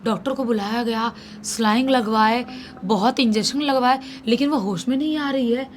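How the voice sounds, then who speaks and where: A woman's voice: on the high side, moderate pace, soft background music. A woman telling a horror story in a dramatic way, mixing English words into her telling.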